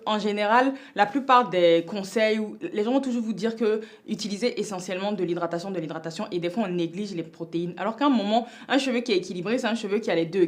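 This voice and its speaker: A woman giving a casual hair-care tutorial as a vlogger. She explains with emphatic, lively stress on key advice and chats freely with frequent fillers and restarts. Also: medium pitch. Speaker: beauty vlogger.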